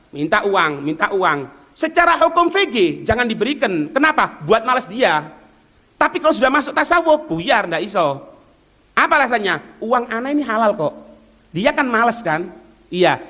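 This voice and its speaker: A man's voice: high voice, sharp tone. A man with an East Javanese accent preaching a religious lecture, asking rhetorical questions and answering them himself, moving between formal speech and local talk. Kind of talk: religious lecture mixing stories and teaching. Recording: long hall reverb.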